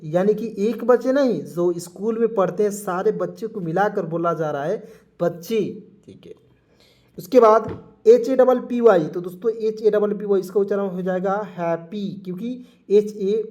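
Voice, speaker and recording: A man's voice: high voice, warm tone. A man teaching beginners English in a spoken lesson, repeating each word and quizzing the viewers as he goes. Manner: addresses the viewers as friends again and again.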